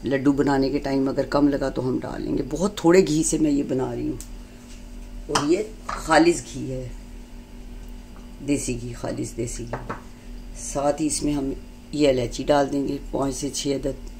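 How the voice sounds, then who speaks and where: A woman hosting a home cooking demonstration, explaining each step calmly and patiently. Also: very deep voice, a little slow, pauses often, background noise. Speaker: cooking channel host. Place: home kitchen.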